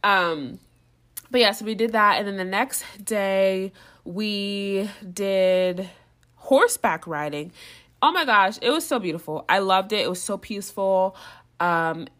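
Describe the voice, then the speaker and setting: A woman's voice: medium pitch, unhurried. A young woman telling a story in casual chat, full of "like" fillers, who acts out the voices of others as she talks. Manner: chatty, lots of "like" fillers; animated, acts out what others said.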